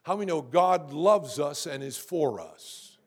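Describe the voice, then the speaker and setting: A man's voice: lively intonation, unhurried, a little mellow, slightly rough. A man preaching a sermon to a congregation. He keeps asking them how many know, and he repeats words as he builds up. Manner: rises in pitch and volume to preach with force. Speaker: pastor.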